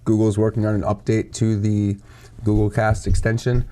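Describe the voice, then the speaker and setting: A man co-hosting a live tech chat show, explaining news in a relaxed, easygoing way. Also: lowish voice, normal speed. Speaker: co-host.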